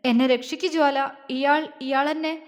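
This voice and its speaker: A woman's voice: high voice, moderate pace, close to an everyday voice. A woman doing a tearful scheming woman. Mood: tearful pleading. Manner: weak, faltering, tearful pleading.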